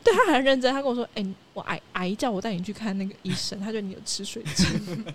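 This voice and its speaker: Young woman rattling off a spooky story, quick talker, little sound effects, faint hum behind. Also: medium pitch. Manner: animated storyteller, sound effects and quoted dialogue. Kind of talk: casual chat telling a ghost story.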